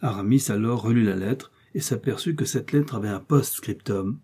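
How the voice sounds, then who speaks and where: A man reading a classic novel aloud in a measured, even storytelling manner. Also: lowish voice, slightly rough. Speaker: audiobook narrator. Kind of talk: scripted narration.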